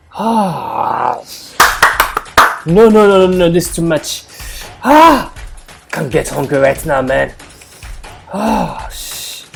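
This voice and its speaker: A woman hosting a comic food reaction video, talking in loud, exaggerated groans, gasps and cries. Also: low-pitched, creaky.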